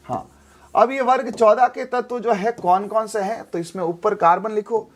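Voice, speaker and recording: Male chemistry teacher, high voice, repetitive call-and-response lecturing. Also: moderate pace. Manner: repetitive, drilling, asks and answers his own questions.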